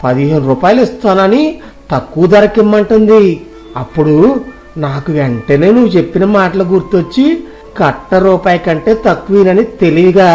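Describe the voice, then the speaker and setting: A man's voice: high voice, normal speed, darkish tone, faint music behind, lightly acted. A man voicing a naive, innocent young village lad in a cartoon story, speaking in a simple, eager way. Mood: excited.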